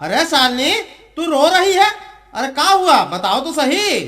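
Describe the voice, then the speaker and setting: A woman's voice: high-pitched, sing-song, a little slow, fairly bright tone, exaggerated voice. A woman playing an easygoing middle-aged village father who drawls and grumbles in a rural film. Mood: puzzled. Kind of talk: rural Hindi film acting.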